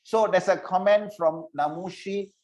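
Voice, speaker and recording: A man's voice: sits high, measured pace, a little mellow, rough recording. A man teaching an online insurance training session, repeating key points and checking that listeners follow.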